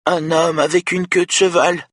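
A man with a husky voice, voicing a hypnotized woman who relives her childhood in a faint, childlike way. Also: fairly low pitch, slow pace, sharp tone, no room sound, studio quality, full character voice. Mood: frightened.

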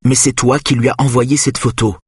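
A man's voice: mid-range voice, animated, moderate pace, breathy edge, dry recording, studio quality. A man voicing a firm, impatient woman pressing a girl for answers in an audiobook. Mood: insistent. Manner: firm, insistent. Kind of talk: audiobook character voice.

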